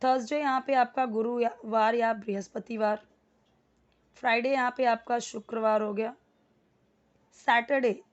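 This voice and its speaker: This woman sits on the high side and keeps a steady tone as she teaches spoken English through Hindi. She breaks the grammar down one step at a time and repeats words slowly for her learners to imitate, all captured in a dull lo-fi recording.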